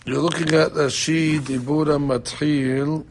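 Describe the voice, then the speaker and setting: Gravelly man teaching a Talmud class. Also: on the high side, measured pace, slight background noise. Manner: animated, repeats words, acts out quoted people. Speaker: Torah teacher.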